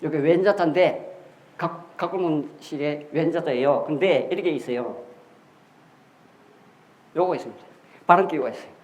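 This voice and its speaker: A man's voice: a little high, normal speed, long pauses, a little mellow. A man giving a classroom lecture on history and characters, explaining step by step with rhetorical questions and repeated key words. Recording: echoey room.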